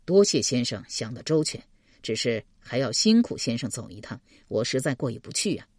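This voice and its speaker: A woman voicing an earnest young man who speaks softly and politely. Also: rumbling low, very animated, moderate pace, slightly rough, dry recording, studio quality, pitched below the performer's own voice, exaggerated voice. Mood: gentle, earnest. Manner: soft and polite.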